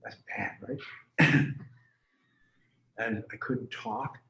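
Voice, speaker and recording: A man's voice: fairly low pitch, fairly even intonation, very slow, creaky, pushed and bright, a little hiss or hum. A man in his seventies who talks readily and rambles, speaking casually as a healer being interviewed. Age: 70s. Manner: rambling and talkative. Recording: echoey room, dull lo-fi sound.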